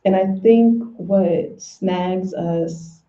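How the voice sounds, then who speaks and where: A woman's voice: lowish voice, very slow, mellow. A woman in a casual spiritual conversation, telling personal stories openly and dropping slang into her talk. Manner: candid, storytelling with slang. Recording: roomy, dull lo-fi audio.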